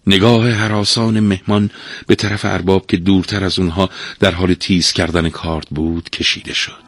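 A man narrating a storybook aloud, expressive and lively. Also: deep voice, dry recording.

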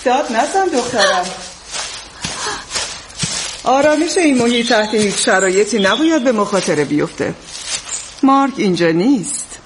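A woman's voice: a little high, noisy background, natural voice. A woman playing a formal older hostess. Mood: composed. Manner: formal, calm and measured. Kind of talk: dubbed film acting.

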